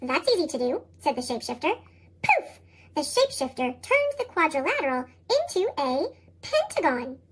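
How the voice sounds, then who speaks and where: A storybook reader whose voice runs through a chipmunk effect, squeaky and sky-high. The reading hops up and down in a lively sing-song and bounces through rhyming verse. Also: normal speed. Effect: sped-up, high chipmunk-style pitch shift. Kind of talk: reading picture books aloud.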